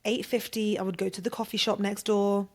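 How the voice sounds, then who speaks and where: Woman podcaster telling a story, super chatty, lots of "like", swears a bunch, mid-pitched voice. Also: flat delivery, fairly quick, a little mellow. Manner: chatty, swears freely, heavy use of "like". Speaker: podcast host. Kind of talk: casual storytelling monologue.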